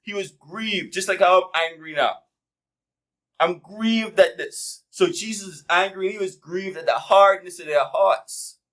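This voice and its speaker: High-voiced fiery preacher man. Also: measured pace, a bit bright. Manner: fiery, preachy, rhetorical questions, casual grammar. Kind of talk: sermon.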